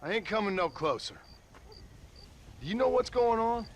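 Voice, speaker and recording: An actor playing a weary, laconic gunslinger in a video game, speaking in a dry Western drawl. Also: male voice, high voice, big pitch swings, normal speed, vocal fry, slight background noise, heavily acted, low-quality recording. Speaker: wandering gunslinger. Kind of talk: video game cutscene acting.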